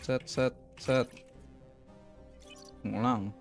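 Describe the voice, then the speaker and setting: A man's voice: medium pitch, fairly even intonation, extremely slow. Indonesian guy joking around while gaming, mid voice, faint game music. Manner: joking, laughing, loud. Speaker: gameplay streamer. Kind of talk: casual gameplay commentary.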